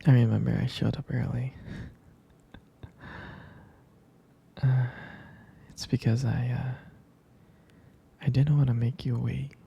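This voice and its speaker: A man plays an obsessive young captor who keeps his lover locked away, speaking in a breathy whisper that is sweet on the surface and menacing underneath. His dark, gravelly, husky voice drags slowly through every line, heavy with vocal fry. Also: mid-range voice, heavily acted. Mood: fondly reminiscing. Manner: soft, coaxing, menacingly sweet. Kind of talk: whispered ASMR roleplay.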